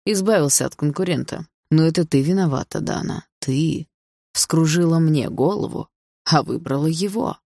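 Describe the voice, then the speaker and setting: Brief: sneering, possessive stepfather, cold and taunting, low gravelly tone, voiced by a woman narrator. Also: normal speed, dark tone, dry recording, clean studio sound. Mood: smug menacing. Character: smug, possessive, menacing stepfather, adult man.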